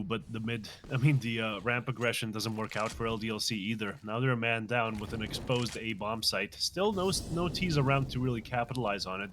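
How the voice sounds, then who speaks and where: A man doing live play-by-play commentary on a competitive shooter match, reacting quickly to the action. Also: mid-range voice, noisy background. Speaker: esports commentator.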